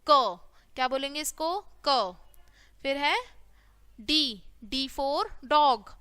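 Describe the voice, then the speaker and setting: A high-pitched woman teaches the alphabet to small children. She speaks slowly and draws out each sound, asking a question and then answering it. Her voice is bright and clear. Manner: slow, drawn-out teaching with repeated questions and answers. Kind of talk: phonics lesson for young children.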